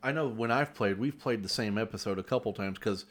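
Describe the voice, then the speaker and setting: A man's voice: lowish voice, a little fast. A man co-hosting a casual board game chat who halts and repeats words as he finds his point.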